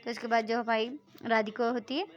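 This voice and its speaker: A woman's voice: fairly high pitch, flat delivery, brisk, dull audio, faint music behind. A woman storyteller narrating casually, rambling, repeating phrases and restarting names.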